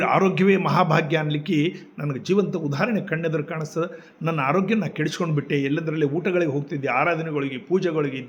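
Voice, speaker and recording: An older man makes a heartfelt public appeal about health. His voice sits slightly high, and he pleads with his listeners politely, coming back again and again to his requests. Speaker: kidney patient giving health advice.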